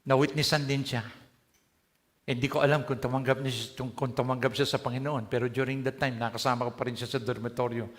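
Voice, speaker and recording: A man's voice: medium pitch, level tone, brisk. A man with a Filipino accent preaching a sermon, moving between Tagalog and English and putting questions to his congregation. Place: church hall. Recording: long church hall reverb.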